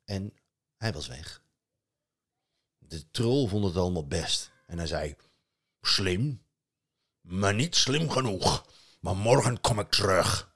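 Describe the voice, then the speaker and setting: A man narrating a fairy tale in a lively, expressive way. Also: low voice. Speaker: storyteller. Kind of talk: storybook narration.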